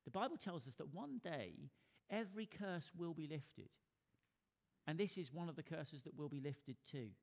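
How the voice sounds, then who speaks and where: Earnest male preacher, slightly higher voice. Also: lively intonation, moderate pace, creaky. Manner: earnest, rising emphasis on key phrases, asks the congregation rhetorical questions. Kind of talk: sermon. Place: church service.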